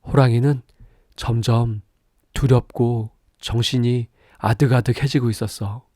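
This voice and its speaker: A man, a father, telling a gentle bedtime story, slow and often whispered. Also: mid-range voice, steady tone, dry recording, studio quality. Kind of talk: soft bedtime story narration, partly whispered.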